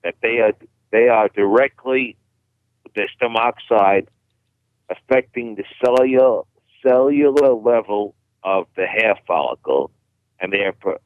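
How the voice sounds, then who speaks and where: A man's voice: fairly low pitch, animated, unhurried, no echo. A man calling in over a distorted, fuzzy phone line, talking earnestly and restarting his words often. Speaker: caller. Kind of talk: casual radio talk.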